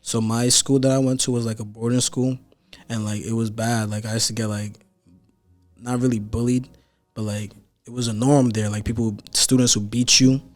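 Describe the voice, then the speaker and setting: A man's voice: mid-range voice, little pitch movement, moderate pace, faint music behind. Teen guy from nigeria, podcast guest, rambly, tons of "like"s, slangy. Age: teens. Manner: rambling, many filler "like"s, loose slang. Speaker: guest rapper. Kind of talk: casual podcast chat.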